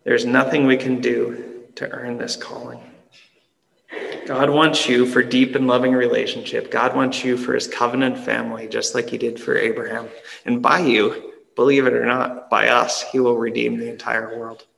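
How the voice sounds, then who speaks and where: Gravelly-voiced male pastor preaching. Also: mid-range voice, level tone, long reverb tail, poor audio. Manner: earnest, conversational preaching that drops to soft, slow emphasis. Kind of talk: sermon.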